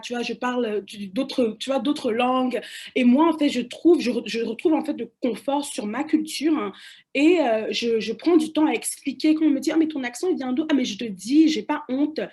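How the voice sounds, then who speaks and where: A young woman from Cameroon with a Central African French accent, speaking as a guest on a panel discussion, animated, restarting her phrases often and slipping into English. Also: a little high, husky.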